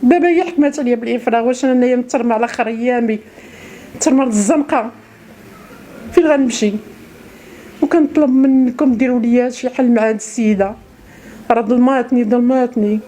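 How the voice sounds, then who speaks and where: A woman's voice: on the high side, quick pace, long pauses, warm tone, slight background noise. A middle-aged woman with a Moroccan accent, giving an interview testimony in a pleading voice and repeating her words over and over.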